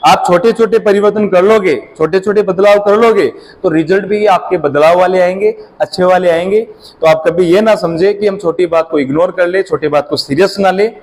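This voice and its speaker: This rough recording captures a man lecturing a class preparing for competitive exams, prompting students again and again to repeat important terms after him. His voice sits high and a little mellow, at a moderate pace.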